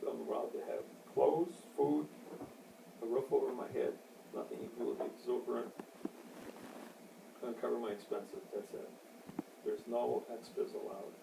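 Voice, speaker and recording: A man in his sixties with a gravelly voice, rambling and boasting in a casual interview. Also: mid-range voice, normal speed, long pauses. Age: 60s. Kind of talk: casual chat. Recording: echoey, distant, noisy amateur recording.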